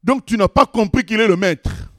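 A man preaching a sermon, reading scripture aloud and commenting on it, swinging between loud exclamations and low asides. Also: moderate pace, dry recording, clean studio sound.

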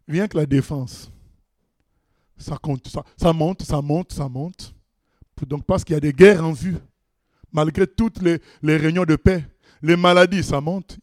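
Emphatic high-voiced male preacher. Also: dry recording, clean studio sound. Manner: emphatic, swinging between loud exclamations and low asides; reads scripture aloud and comments on it. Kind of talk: sermon.

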